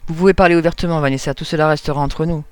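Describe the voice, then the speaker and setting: A man's voice: a little high, fairly even intonation, rapid-fire, smooth, no room sound, close to an everyday voice. A man reading aloud, voicing a stern, easily shaken village priest. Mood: gentle.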